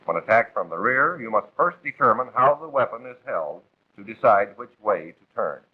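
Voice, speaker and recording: For a 1940s instructional film, an American man narrates from a script in a formal, authoritative, instructive manner. His voice is on the low side, sing-song with a breathy edge, at normal speed, and the vintage soundtrack sounds muffled and phone-like.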